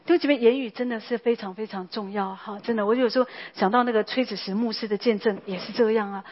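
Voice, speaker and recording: A woman's voice: a little high, fairly even intonation, fast, muffled recording. A woman, a pastor's wife preaching a sermon in a chatty way, full of tag particles and fillers.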